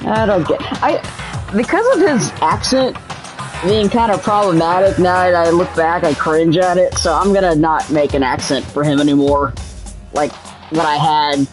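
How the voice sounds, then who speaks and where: Through poor audio, a young woman with a lowish voice talks at normal speed while game music plays. She hosts a let's play, rambling in a relaxed way and self-correcting.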